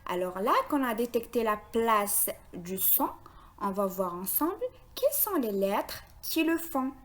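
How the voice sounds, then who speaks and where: A woman's voice: fairly high pitch, sing-song, a bit bright. A woman teaching young children to read, sounding out words syllable by syllable and praising their answers. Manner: slow, deliberate, syllable by syllable. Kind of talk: phonics lesson for young children.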